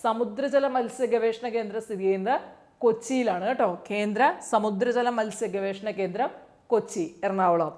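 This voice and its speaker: A woman's voice: medium pitch, normal speed, a little mellow. A woman giving a casual exam-prep lesson, repeating key facts and asking her listeners rhetorical questions. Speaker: exam coaching teacher.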